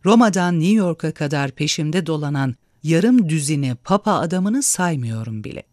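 A man reading a story aloud and voicing a sharp-tongued, imperious rich old woman who scolds and commands. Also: fairly high pitch, expressive, moderate pace, no room sound, studio quality, close to an everyday voice. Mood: scornful tirade.

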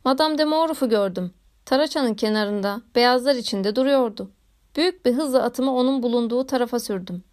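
Woman narrator, audiobook of a classic novel, measured literary reading, high voice. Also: a little mellow. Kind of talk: scripted narration.

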